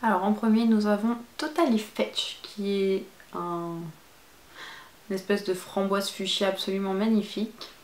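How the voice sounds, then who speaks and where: Woman doing a chatty makeup review, excited about the colors, bit of room echo. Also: medium pitch, a little slow, slight background noise. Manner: chatty, enthusiastic describing shades. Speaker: beauty vlogger.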